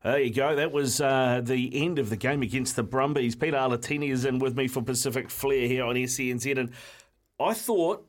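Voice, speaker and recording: A man's voice: mid-range voice, fairly quick. A man hosting a sports radio show in a casual, conversational style.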